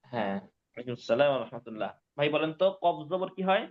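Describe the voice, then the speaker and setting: A man teaching Quran reading in an online class, patiently spelling out syllables slowly and repeating each word. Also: medium pitch, very animated, narrow, tinny audio. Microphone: online class call mic.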